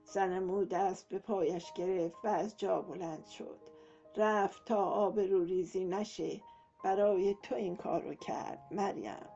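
Woman audiobook narrator, mellow warm voice, calm steady reading, dull lo-fi sound, faint music underneath. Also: medium pitch. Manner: calm, steady first-person storytelling. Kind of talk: scripted novel narration.

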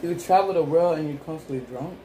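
A woman's voice: deep voice, quick pace, dark tone. A woman co-hosting a home vlog riddle challenge, teasing her husband and reading out riddles. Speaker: vlog co-host, wife. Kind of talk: casual riddle challenge chat. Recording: echoey room with faint noise.

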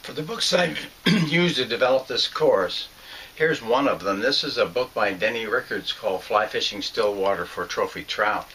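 A man's voice: medium pitch, lively intonation, normal speed, sharp tone, a little hiss or hum. An older man teaching a fly fishing lesson at home, talking in a plain, earnest way with some fillers and restarts. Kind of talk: instructional narration. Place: small home room with shelves.

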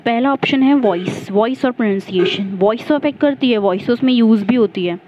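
A woman's voice: on the high side, brisk, dark tone, lo-fi sound, slight background noise. A woman teacher walking through exam questions, explaining each term step by step and stopping to correct her own slips. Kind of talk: exam-prep lesson.

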